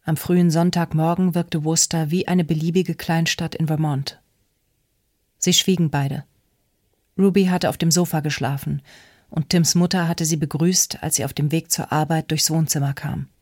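Narrator, measured read, middle pitch, close and dry. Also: steady tone, darkish tone, no room sound. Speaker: audiobook narrator. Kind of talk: scripted narration.

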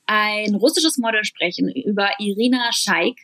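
A woman's voice: mid-range voice, measured pace, fairly bright tone. Woman, chatty co-host, fillers, english words mixed into her talk. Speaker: podcast co-host. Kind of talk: casual chat.

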